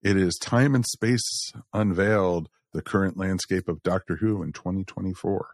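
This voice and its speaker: A podcast host with a deep voice chats casually at normal speed, addressing listeners in a folksy way. The sound is clean studio audio with no room sound.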